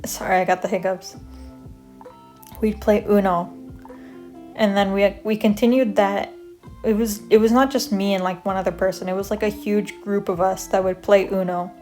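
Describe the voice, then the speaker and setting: A soft-spoken young woman from Canada, casually telling stories about her school years in a rambling, self-deprecating way while she draws, with light music playing behind her. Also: medium pitch, fairly even intonation, normal speed. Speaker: vlogger. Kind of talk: casual storytelling over drawing.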